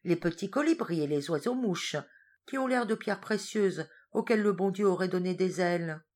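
A woman narrating a children's storybook in an expressive, lively way. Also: fairly low pitch, moderate pace. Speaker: audiobook reader.

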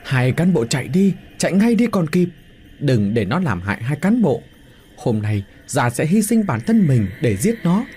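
A male storyteller doing an elderly village shaman, protective and grave, pressing the others to hurry. The voice is husky and low-toned. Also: very animated, moderate pace, darkish tone, full character voice. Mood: urgent. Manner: urgent, grave.

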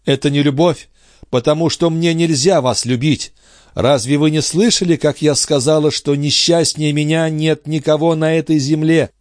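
A man's voice: on the high side, fairly even intonation, moderate pace, a little mellow, no echo, studio quality, pitched above the performer's own voice, lightly acted. A man voicing a young noblewoman who pleads in breathless, emotional bursts. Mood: anguished. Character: young noblewoman, anguished and passionate.

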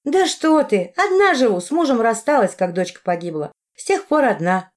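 Woman reader doing an older woman, high voice, fussy, chatty, lonely, lively up and down. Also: normal speed. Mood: matter-of-fact.

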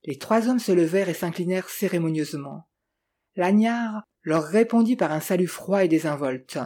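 A narrator reading a novel aloud in an even, measured way. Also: mid-range voice. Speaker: audiobook narrator.

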